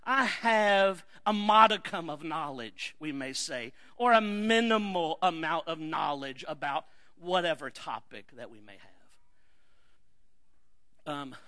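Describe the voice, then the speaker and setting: A man's voice: on the high side, expressive, a little slow, pushed and bright, no echo. A middle-aged man preaching a sermon as pastor, talking in a conversational way and building to emphatic rhetorical questions. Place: church sanctuary.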